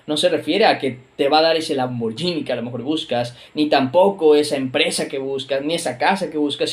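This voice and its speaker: A man preaching a video sermon in a conversational, emphatic way, with reflective asides and self-corrections. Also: fairly high pitch.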